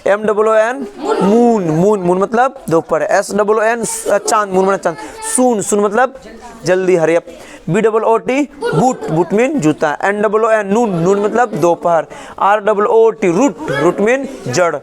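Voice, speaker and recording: A man's voice: high voice, expressive, a little slow, a crowd in the background. A male English teacher in a classroom, spelling words letter by letter and quizzing his class with repeated questions. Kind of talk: classroom lesson.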